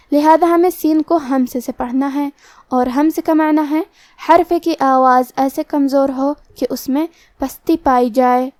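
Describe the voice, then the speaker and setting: A woman with a high voice teaches the rules of Quranic recitation, explaining each letter slowly and carefully. The sound is dry and close, with no room around it. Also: a little mellow, dry recording. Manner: slow melodic recitation. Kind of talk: tajweed lesson.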